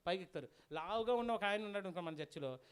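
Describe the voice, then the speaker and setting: A guest preacher delivering a sermon with a folk tale, lively and constantly asking the audience questions. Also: medium pitch, rapid-fire, smooth.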